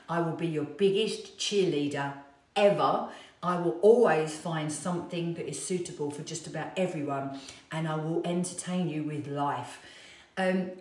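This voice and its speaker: Woman trainer, low voice, animated self-deprecating storyteller, mic set back in an echoey room. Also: distant mic. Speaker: fitness trainer. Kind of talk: casual storytelling chat to viewers.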